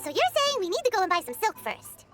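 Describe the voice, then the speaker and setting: A tiny fairy sidekick from an anime game with an extremely high, squeaky voice. The delivery is bubbly and childlike, swinging wildly in pitch, over prominent music. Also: female voice, huge pitch swings, fast, full character voice. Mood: curious. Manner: bubbly, refers to self in third person. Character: tiny excitable childlike female floating fairy companion. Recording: background music under the voice.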